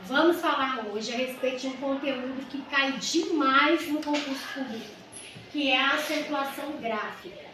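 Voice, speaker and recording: High-voiced woman teaching grammar. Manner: explains step by step with rhetorical questions; stretches out example words slowly. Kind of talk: grammar lesson for exam students. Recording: echoey room with mic far off and noise.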